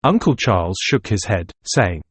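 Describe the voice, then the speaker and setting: Brief: male audiobook narrator, measured, low register, dead studio. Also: sing-song, slightly rough, no room sound. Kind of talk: scripted narration.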